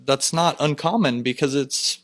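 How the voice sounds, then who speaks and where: A man's voice: mid-range voice, moderate pace. Plainspoken man, rambling. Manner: relaxed, plainspoken, rambling with fillers. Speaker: land clearing business owner. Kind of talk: casual interview.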